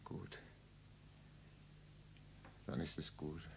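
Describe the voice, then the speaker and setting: An actor playing a frail, dying old man who speaks faintly and haltingly from his sickbed in a radio play. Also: in a whisper. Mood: faint, weary. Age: older.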